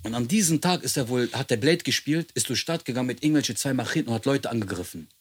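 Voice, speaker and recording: A male podcast host rattles through a story at high speed, his voice husky and a little rough. He talks in street slang and keeps acting out the people in his story. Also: animated, quick pace. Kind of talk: animated storytelling.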